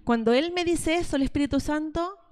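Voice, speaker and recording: High-voiced Chilean woman preaching. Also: fairly quick, a little mellow. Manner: storytelling, speaks directly to listeners as sisters. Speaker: preacher addressing a women's church group. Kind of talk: testimonial sermon.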